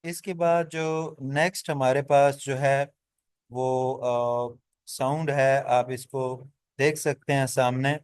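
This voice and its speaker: A man teaching pronunciation in a classroom-style explanation. He moves through each example deliberately and repeats every vowel sound several times. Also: mid-range voice, fairly even intonation, smooth, dry recording. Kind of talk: classroom explanation mixing Hindi and English.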